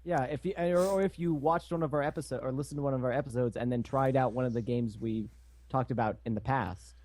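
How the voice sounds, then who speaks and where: A man's voice: medium pitch, fairly even intonation, fast, darkish tone, dry recording. Casual male podcast co-host. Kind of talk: casual chat.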